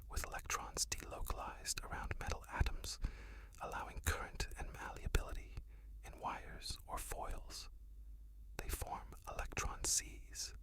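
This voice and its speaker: A narrator whispering gentle, soothing ASMR science narration for sleep, in the soft, slow manner of a guided relaxation.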